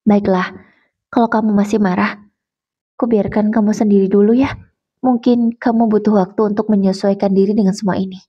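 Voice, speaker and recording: A woman voicing an apologetic young husband in her own soft, pleading voice. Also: mid-range voice, fairly even intonation, brisk, husky, close to an everyday voice. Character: adult male husband, gentle and apologetic. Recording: dull lo-fi recording.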